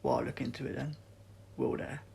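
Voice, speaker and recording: Audiobook role: brisk male space-travelling doctor, cheeky and probing, mid-pitched with heavy fry, done by a male reader. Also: little pitch movement, mellow, slight background noise. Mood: incredulous, pointed. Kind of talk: audiobook character dialogue.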